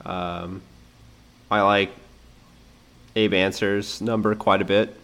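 Lower-voiced man, hesitant podcast co-host. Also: little pitch movement, slow, fairly bright tone. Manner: hesitant, many fillers, laid-back. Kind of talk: casual sports betting chat.

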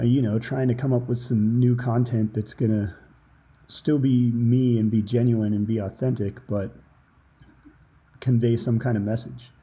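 A man's voice: mid-range voice, highs cut off. A man hosting a solo motivational podcast from under a towel in a small office, talking informally and reflectively as he thinks aloud. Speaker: podcast host. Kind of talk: free-flowing motivational solo podcast talk. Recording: improvised, under a towel at the computer.

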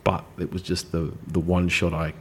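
Jokey low-voiced man hosting a chat show. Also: little pitch movement, moderate pace, slightly rough. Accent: Australian. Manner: jokey, rambling banter. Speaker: podcast host. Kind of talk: casual chat.

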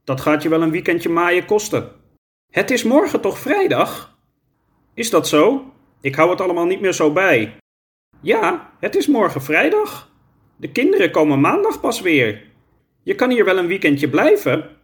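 A man's voice: high-pitched, very animated, a little slow, a bit bright, voice pushed up, heavily acted. A man voicing a friendly, naive, hospitable character in a children's story. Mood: kindly.

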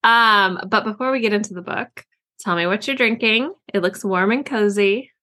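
A woman's voice: mid-range voice, moderate pace, pushed and bright. A woman co-hosting a podcast about books, chatting in a bubbly way with many fillers and giggles. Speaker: podcast co-host, author. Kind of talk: casual chat.

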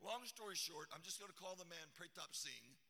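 A man's voice: sits high, lively intonation, fairly quick, vocal fry, pushed and bright, in a large hall. A middle-aged man from Arizona preaching a sermon, retelling a story dramatically with sound effects. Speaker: pastor.

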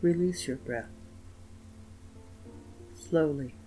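A man narrating a scripted guided meditation in a slow, gentle, soothing manner with pauses. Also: a little high, poor audio. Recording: voice over meditation music. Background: soft instrumental music with guitar.

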